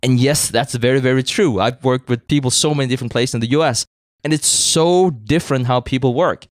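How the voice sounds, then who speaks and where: A Danish man with a Danish accent, speaking English as a second language, appears as a podcast guest in an interview conversation, talking conversationally with many fillers and repeated words. His mid-range voice is a little fast, recorded in a clean studio with no room sound.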